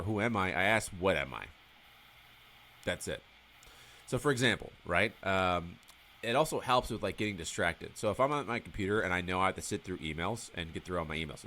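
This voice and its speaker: A man's voice: deep voice, fairly bright tone, a little hiss or hum. A man as a podcast guest, talking candidly and swearing freely, telling stories with acted-out dialogue in casual conversation.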